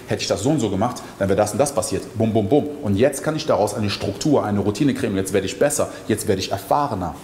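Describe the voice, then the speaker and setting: A mindset coach delivers a motivational monologue straight to the listener, firing off emphatic rhetorical questions. His voice sits fairly low and sounds a little mellow, with slight hiss or hum. The recording comes from an echoey hall with faint ambience.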